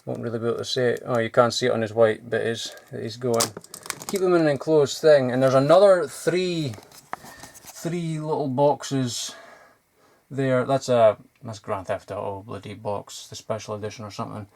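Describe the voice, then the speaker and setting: Digging around a messy loft, a man vlogs about the old toys he finds, swearing often and wandering off-topic with plenty of filler words. His mid-range voice is gravelly and darkish in tone, delivered at a moderate pace.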